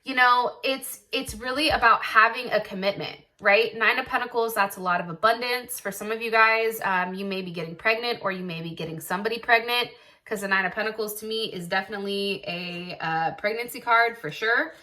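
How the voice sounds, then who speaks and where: A woman's voice: medium pitch, fairly quick, bright, forceful tone. A woman giving a casual tarot reading, chatty and blunt, swearing freely and thinking aloud with lots of "like" and "I feel like". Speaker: tarot reader.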